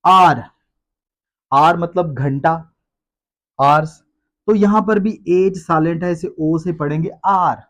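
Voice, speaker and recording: A man teaching a pronunciation lesson in a classroom style, who explains each rule slowly and says words and rules again and again. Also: a little high, a bit bright. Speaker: English teacher.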